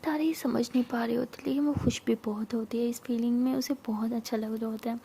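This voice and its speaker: A woman narrates a story in a soft, breathy, half-whispered way. Her voice sits a little high but stays flat in its melody, with a gravelly edge and a dark, mellow tone. Faint noise hums behind her. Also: a little fast. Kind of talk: casual storytelling narration in Hindi.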